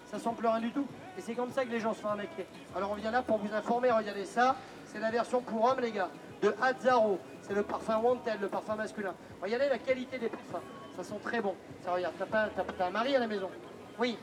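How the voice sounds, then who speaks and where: A man hawking at a street fair with loud barker's patter, insistent, repetitive and teasing toward his listeners. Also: very high-pitched. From France. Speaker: street-fair perfume pitchman. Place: outdoors at a busy street fair. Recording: outdoor street fair with crowd noise.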